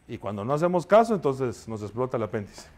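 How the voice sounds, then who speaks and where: A man's voice: mid-range voice, very animated, fast, background noise. Conversational man preaching to a congregation. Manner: conversational preaching, constantly addressing listeners and asking for responses; confessional, shares his own failings. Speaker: pastor. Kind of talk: sermon.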